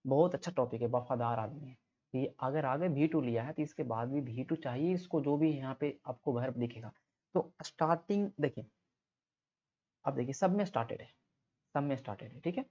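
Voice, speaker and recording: Male teacher, mellow voice, grammar lesson with repeated questions, muffled lo-fi recording. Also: medium pitch, brisk. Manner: explains step by step, repeats questions and answers them himself. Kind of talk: exam-prep grammar lesson. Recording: slightly muffled lo-fi audio.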